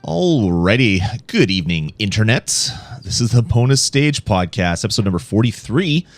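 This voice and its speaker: A man hosting a podcast in casual, joking chat, rambling and animated. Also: lowish voice, moderate pace, soft background music. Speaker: podcast host.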